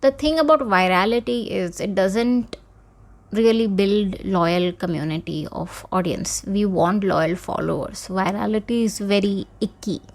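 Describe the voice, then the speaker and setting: A woman's voice: mid-range voice, unhurried, a little mellow. Frank Indian woman ranting casually. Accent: Indian English. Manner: frank, switches into Hindi mid-sentence. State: out of breath. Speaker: podcast host. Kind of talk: candid casual monologue.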